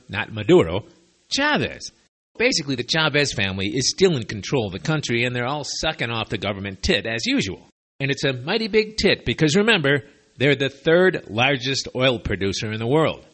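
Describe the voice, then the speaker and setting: An American man with a slight lisp hosts a podcast away from his usual studio, recording on makeshift borrowed equipment. His mid-range voice has a fairly bright tone, and his commentary is opinionated, digressive, sardonic and conversational.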